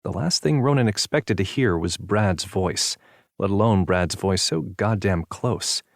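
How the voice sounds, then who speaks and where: A man narrating a romance audiobook in a steady, even storytelling manner. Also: fairly low pitch, measured pace, creaky, no echo, studio quality. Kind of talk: scripted narration.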